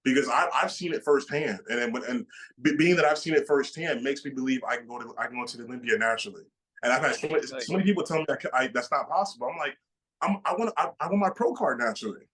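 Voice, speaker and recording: A man in his late twenties, a bodybuilder guest, answering interview questions in an excited way with many repeated starts. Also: mid-range voice, quick pace, low-quality recording. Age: 20s.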